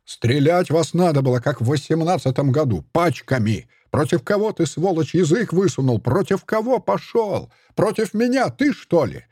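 A man reading an audiobook voices a furious old male prisoner who rants, sneers and shouts accusations in a husky voice. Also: medium pitch, big pitch swings, moderate pace, dry recording, clean studio sound. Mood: ranting.

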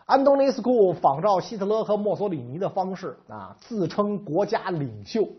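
A man's voice: high-pitched, big pitch swings, moderate pace, slightly rough. A man telling history in a colloquial, joking storyteller style. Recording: slightly dull lo-fi recording.

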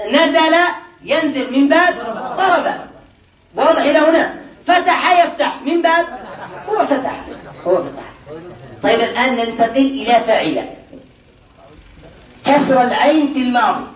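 Male teacher, high-pitched, quizzing students, recorded from afar in an echoey classroom. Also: a bit bright. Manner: drills the class with repeated questions. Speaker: teacher of Arabic morphology. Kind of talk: classroom lecture. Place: classroom lesson. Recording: echoey room from far off, class murmur.

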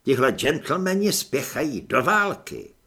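A fussy, formal newspaper man caught off balance, as a male reader plays him. His lines come out loud and exasperated, the pitch moving a lot. The voice carries a slight huskiness. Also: very animated, slightly rough, heavily acted. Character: flustered middle-aged male newspaper man. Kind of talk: audiobook character voice.

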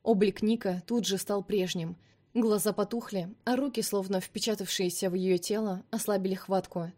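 Woman reading an audiobook, dramatic and steady, dark mellow voice. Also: medium pitch, normal speed. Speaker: audiobook narrator. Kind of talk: expressive scripted narration.

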